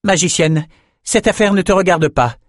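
A man's voice: high voice, moderate pace, dry recording, studio quality, voice pushed up. A man reading an audiobook voices a haughty woman leader who issues threats. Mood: menacing. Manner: threatening, commanding.

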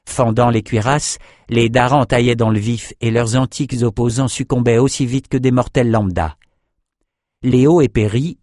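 A man narrating a fantasy audiobook in a steady, even storytelling manner. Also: mid-range voice, dry recording, clean studio sound. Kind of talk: scripted narration.

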